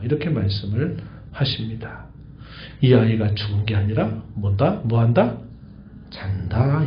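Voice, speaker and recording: A man preaches a midweek sermon, explaining scripture in a patient, teaching voice. He puts questions to the congregation and answers them himself. The recording is echoey and a little muffled, like a church service taped in the sanctuary. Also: medium pitch. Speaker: pastor. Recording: echoey church, dull lo-fi sound.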